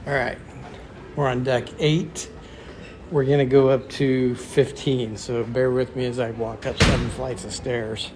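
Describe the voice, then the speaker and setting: A man's voice: mid-range voice, little pitch movement, a little slow, background noise. A man casually vlogging as he walks through a cruise ship, chatting to viewers as he goes. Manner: chatty, talks to viewers while walking. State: out of breath from climbing stairs. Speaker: travel vlogger. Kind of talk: casual walking vlog. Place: cruise ship interior, stairwells and lounges.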